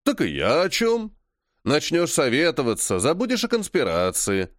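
A man's voice: a little high, huge pitch swings, moderate pace, no echo, clean studio sound, voice pushed up. A man reading the lines of a stubborn, evasive male mage mentor in an audiobook, brusque and dismissive. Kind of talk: audiobook dialogue.

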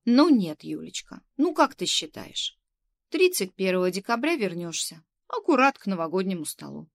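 A woman voicing a middle-aged female kindergarten head who is fussy, bossy and coaxing, with a gravelly edge. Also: mid-range voice, very animated. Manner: coaxing, bossy, quick to scold.

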